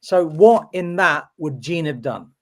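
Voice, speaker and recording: A man's voice: on the high side, animated, measured pace. A man co-hosting a podcast, reading album credits aloud and asking pointed questions. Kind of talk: casual podcast chat.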